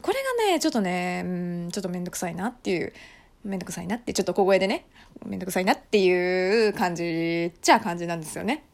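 A young woman talks alone into her podcast mic in a relaxed, chatty way, laughing often and filling her pauses with soft little fillers. Her pitch swoops up and down a lot, giving her talk a lively, animated feel. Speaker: podcast host. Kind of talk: casual solo podcast chat.

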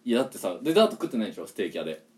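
Young man, podcast co-host, very fast talker, teasing, lively pitch. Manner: teasing, quick retorts. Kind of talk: casual chat.

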